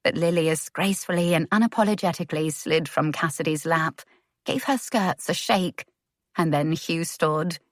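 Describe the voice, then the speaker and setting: A woman narrating a romance audiobook in a measured, gentle way. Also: sits low, no room sound, clean studio sound. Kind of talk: scripted narration.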